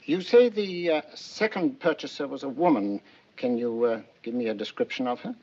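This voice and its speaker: Casting: male actor as discreet, courteous gentleman, mid-pitched with lively inflection, formal and hesitant, 1940s film. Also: natural voice. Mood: probing, discreet. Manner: formal, hesitant, measured politeness. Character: polite, smooth-talking gentleman probing for information, male. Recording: muffled 1940s film soundtrack, faint noise.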